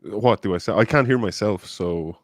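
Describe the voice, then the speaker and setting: A man who is a guest on a casual podcast call. His voice sounds deep and masked, and he speaks hesitantly and apologetically. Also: normal speed. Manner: hesitant and apologetic, thrown off balance. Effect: deep, disguised-sounding voice, as if masked. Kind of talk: casual chat over a call.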